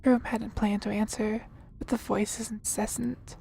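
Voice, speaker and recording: A woman streamer narrates a story in a scripted reading style. Her pitch is on the high side and stays flat, with a creaky fry. Faint music sits behind her. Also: normal speed.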